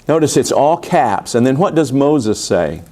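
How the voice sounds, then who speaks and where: A man's voice: mid-range voice, sing-song, a little slow, a little mellow. A man, a pastor, teaching a Bible study in an informal, conversational way. He often restarts his sentences and asks the listeners questions.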